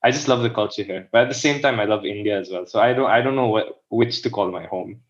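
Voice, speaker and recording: A young adult man from the Philippines rambles through casual interview talk as a podcast guest, restarting often and filling his speech with "like." His voice sits on the low side and moves fast, with the highs cut off.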